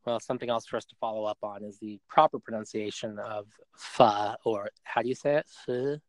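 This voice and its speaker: A man's voice: on the low side, steady tone, a little fast, dry recording. Man, podcast co-host, casual chat, easy laughs, dry close mic.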